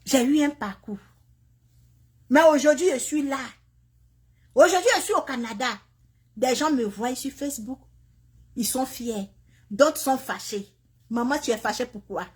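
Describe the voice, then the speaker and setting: Speaking into a phone video from Canada, a woman with a high, slightly rough voice talks slowly and leaves long pauses. She is sharing her migration story in an impassioned appeal to the camera. Her tone is preachy as she scolds other mothers with the same pointed questions again and again.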